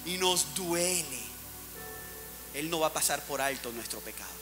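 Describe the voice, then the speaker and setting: A man preaching a sermon to his church, with big swings in loudness as he acts out the people in the story. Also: a little high, expressive, moderate pace, big-room sound, music in the background. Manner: preaching with dramatic swings, acting out Bible characters. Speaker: pastor.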